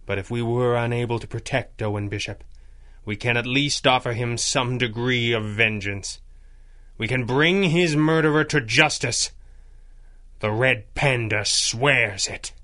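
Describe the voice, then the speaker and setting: A man playing a resolute masked crime-fighter in a 1930s-style radio serial, speaking with calm command and measured, solemn diction. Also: mid-range voice. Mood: grave, determined.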